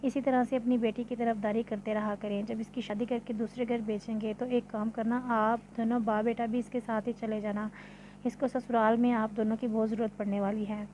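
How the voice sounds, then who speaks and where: A woman's voice: on the high side, flat delivery, brisk, a little mellow, a little hiss or hum, natural voice, rough recording. A woman voicing a stern, exasperated middle-aged mother in a read-aloud novel, reproachful and lecturing. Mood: angry.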